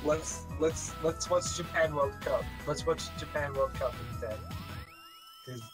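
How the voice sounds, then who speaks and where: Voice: medium pitch, unhurried. Stammering voice over game music. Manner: stammering, repeats words. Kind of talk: casual chat.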